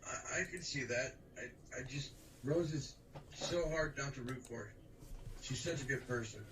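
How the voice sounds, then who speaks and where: A male co-host talks in a casual, chatty way and plugs a contest with eager energy. His voice comes through an echoey room with a faint hiss underneath. The pitch sits mid-range. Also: unhurried, fairly bright tone. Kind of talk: casual chat.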